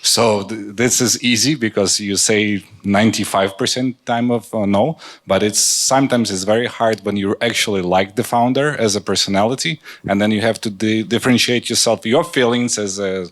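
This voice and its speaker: A man, a venture investor on a startup jury, answering in a measured way with a few restarts. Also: fairly low pitch, steady tone. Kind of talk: panel answer at a startup event.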